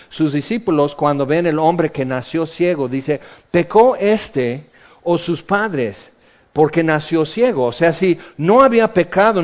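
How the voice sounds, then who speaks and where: A man with a Mexican accent preaching a sermon, telling the story lively and acting out the scene in little voices. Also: fairly high pitch. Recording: dull lo-fi recording.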